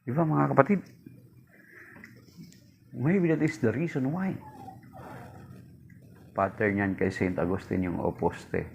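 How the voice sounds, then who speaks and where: A man preaching a homily, mixing Tagalog and English, telling a story and raising his pitch to act out its voices. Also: lively intonation, takes it slowly, creaky, pauses often, darkish tone, slight background noise. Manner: mixes Tagalog and English, addresses listeners as brothers. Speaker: priest. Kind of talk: homily with a told joke.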